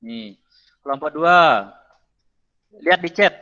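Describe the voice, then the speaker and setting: A man's voice: a little high, animated, slow pace, bright, forceful tone. Man's voice breaking up over a choppy call. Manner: patient, repeats instructions. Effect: choppy breaking-up call audio. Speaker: teacher. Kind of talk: online class instruction. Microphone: video call. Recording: dull lo-fi online call sound.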